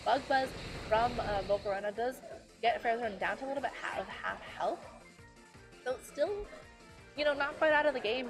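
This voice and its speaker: A woman giving live play-by-play commentary on a competitive game, chatty and full of fillers, tired and losing her voice. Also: mid-range voice. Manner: chatty, filler-heavy, quick self-corrections. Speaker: esports commentator.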